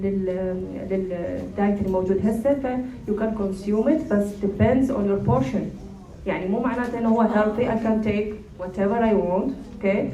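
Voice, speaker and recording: A woman's voice: mid-range voice, mellow, slight background noise. A woman with an Iraqi Arabic accent giving informal, instructive advice in answer to an audience question, often checking that she is understood. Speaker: nutrition expert answering questions. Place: room at a public talk, distant mic. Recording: roomy echo, far from the mic.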